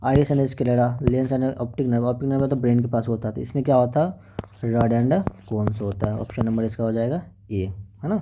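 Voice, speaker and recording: A man's voice: medium pitch, moderate pace, background noise. A man teaching an exam-prep lesson, working through questions in a chatty, coaxing way and often checking with the class.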